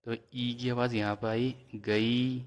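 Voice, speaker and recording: A man teaching a reading lesson, spelling out letters and vowel marks slowly and then blending them into words. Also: mid-range voice, level tone, clear, resonant tone.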